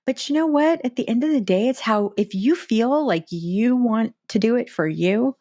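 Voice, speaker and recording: A woman's voice: fairly high pitch, lively intonation, normal speed, warm tone, dry recording, clean studio sound. A woman interviewing a colleague in an enthusiastic, complimentary way. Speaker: interviewer, clinic staff. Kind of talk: casual interview.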